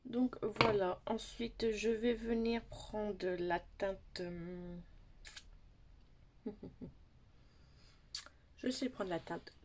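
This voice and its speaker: A young woman casually talking through a makeup tutorial, chatty, sometimes dropping into soft asides and near-whispers. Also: mid-range voice, fairly even intonation, drawn-out words, pauses often, a little hiss or hum. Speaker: beauty vlogger.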